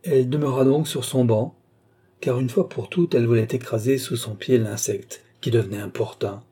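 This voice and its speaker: A man narrating a classic novel as an audiobook, with measured, expressive reading. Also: mid-range voice, slightly rough.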